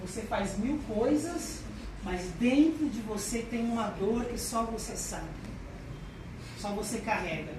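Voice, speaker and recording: A woman with a Brazilian accent giving a humorous motivational talk to an audience. She is chatty and animated and acts out voices. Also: on the high side, measured pace. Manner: chatty, tags lines with "né". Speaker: lecturer. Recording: echoey, mic far off, background noise.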